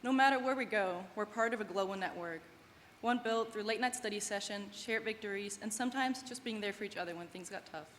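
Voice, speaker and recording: Brisk and with few pauses, a young German woman gives a heartfelt, earnest prepared commencement speech in her second language, English. Her voice is medium-pitched and a bit bright, ringing with long reverb through a large hall above faint background noise.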